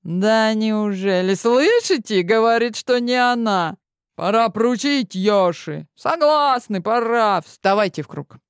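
A woman's voice: a little high, animated, a little slow, smooth, no room sound, clean studio sound. A woman voicing a group of menacing hooded men, with a harsh, mocking manner. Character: hooded male cult members, menacing and cold. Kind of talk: audiobook character voice.

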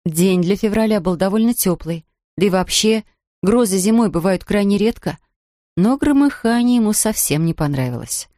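A woman narrating a children's audiobook in a clear, even storytelling manner. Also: medium pitch, normal speed, no echo, clean studio sound. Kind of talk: audiobook reading.

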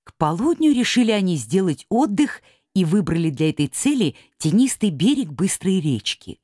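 A woman narrating a children's storybook with an expressive delivery. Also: lowish voice, normal speed, dry recording, clean studio sound.

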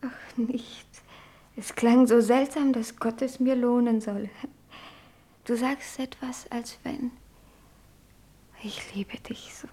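An ardent young merchant's daughter. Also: female voice, a little high, fairly even intonation, slow pace, mellow. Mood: loving. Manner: impulsive, ardent, often breathy and whispered. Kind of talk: 1950s German radio play acting.

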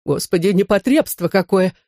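A woman's voice: mid-range voice, animated, normal speed, dark tone, no echo, studio quality, close to an everyday voice. A woman reading an audiobook, voicing a timid male intellectual neighbour who pleads in anguish. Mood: imploring.

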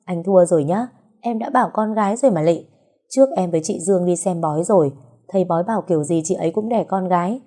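A woman voicing a blunt, teasing young woman who bickers loudly and cries easily. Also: lowish voice, quick pace, close to an everyday voice. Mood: gloating. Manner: loud, bickering.

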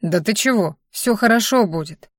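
A gruff but caring old grandfather figure, read out by a woman narrator, brisk and grumbling as he reassures. Her voice stays at a middling pitch with a dry, close sound, and the old man shows through the words more than through any change of voice. This is audiobook storytelling. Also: expressive, no echo, close to an everyday voice. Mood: gruffly reassuring. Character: elderly male father-in-law, gruff but caring.

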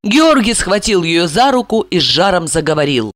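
A woman narrating an audiobook in an expressive, dramatic reading style. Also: normal speed, dry recording. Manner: expressive, acts out the heroine with high cries.

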